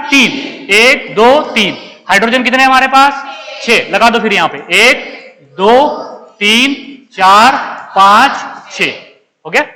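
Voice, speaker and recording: Male chemistry teacher, slight lilt, high and bright, drills students with call-and-answer questions; echoey classroom with long reverb. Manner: calls students beta, asks and answers own questions. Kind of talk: classroom lecture.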